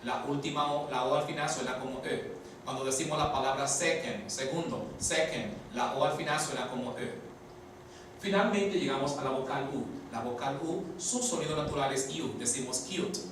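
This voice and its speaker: Echoey male teacher slowly explaining pronunciation. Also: mid-range voice. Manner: repeats key words slowly and deliberately, with rhetorical questions. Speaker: English phonology teacher. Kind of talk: explanatory lesson. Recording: echoey room, mic far off, faint hiss.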